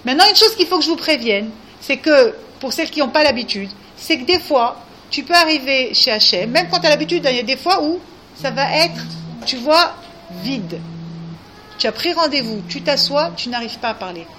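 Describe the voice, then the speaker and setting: A woman's voice: high-pitched, expressive, normal speed, pushed and bright, slight background noise. A woman giving earnest spiritual guidance to a group, coaxing and often asking if they understand. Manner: earnest, coaxing, repeats questions. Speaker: religious teacher.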